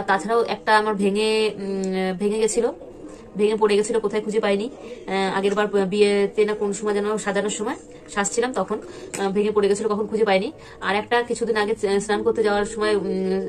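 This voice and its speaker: A young woman from West Bengal chatting casually at home in a vlog, rambling with many fillers and restarts. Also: medium pitch. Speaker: vlogger.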